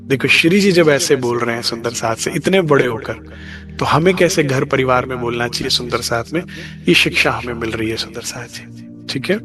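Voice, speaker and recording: A man giving a devotional discourse who chants verse lines slowly and then explains them, putting questions to his listeners and answering them himself. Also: mid-range voice. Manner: speaks directly to listeners, asking and answering his own questions. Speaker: spiritual speaker. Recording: background music under the voice.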